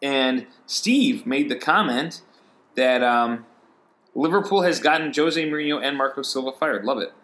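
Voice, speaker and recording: A man's voice: medium pitch, lively intonation, a little slow, a bit bright. A man hosting a casual football chat podcast, rambling with frequent ums and restarts as he reads out listener comments. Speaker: podcast host.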